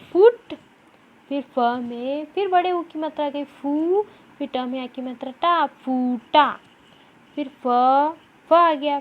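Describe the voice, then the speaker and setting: A woman with a high voice teaches children to read. She speaks slowly, stretching each syllable and repeating every word so it can be copied. The recording is dull and lo-fi. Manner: drawn-out syllables, repeating words aloud for children. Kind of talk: children's Hindi reading lesson.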